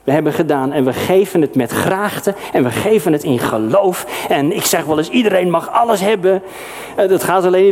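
A middle-aged male preacher from the Netherlands with a fairly high voice. He delivers his sermon in a lively, personal way, with sudden emphatic exclamations. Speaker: pastor.

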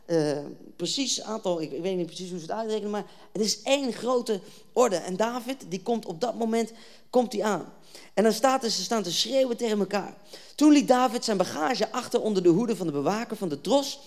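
At a youth evening, a preacher with a mid-range voice retells a Bible story in a lively, conversational way. Read verses slide into casual slang and quick acted-out moments from the scene, and the energetic delivery keeps drawing listeners into the story.

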